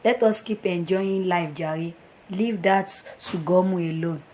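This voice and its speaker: An actor with a Nigerian accent playing a careless young womanizing boyfriend, husky and mocking in manner. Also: sits high, measured pace, darkish tone. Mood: boastful. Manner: mocking, boastful. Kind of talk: film drama acting.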